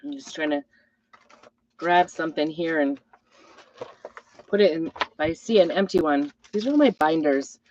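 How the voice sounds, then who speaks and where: A middle-aged woman with a hoarse, weakened voice from a hacking cough, rambling apologetically as she hosts a casual live craft demo. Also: sits low, unhurried, pauses often, darkish tone, dull audio, a little hiss or hum. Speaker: craft host and crafting product seller.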